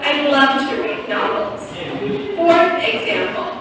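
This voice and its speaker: A woman reading numbered example self-introductions from a lesson video in an even way. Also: high voice, takes it slowly. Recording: video in a hall from far off, noisy.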